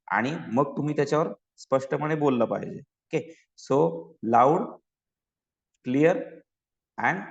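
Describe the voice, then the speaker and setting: Male teacher, Marathi accent, gravelly voice, dull recording in a reverberant room. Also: mid-range voice. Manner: explains with a story, asks "ok?" often, mixes in English. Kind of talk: soft skills lesson. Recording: dull sound with long reverb.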